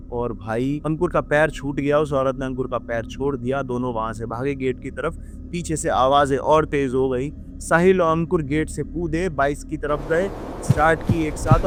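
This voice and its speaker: A young man narrating a horror story in dramatic Hindi, acting out the characters' lines with his voice swinging up and down and sprinkling English words into his speech. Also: a little hiss or hum. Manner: acts out characters' lines with rising and dropping pitch. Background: faint background music.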